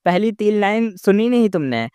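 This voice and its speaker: A short-tempered man at the end of his patience, as a male narrator puts him on, snapping in exasperation. His voice is clear and smooth, in a slightly high register, recorded close and dry. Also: very animated, moderate pace, darkish tone, dry recording. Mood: exasperated. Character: irritable, impatient man losing his temper.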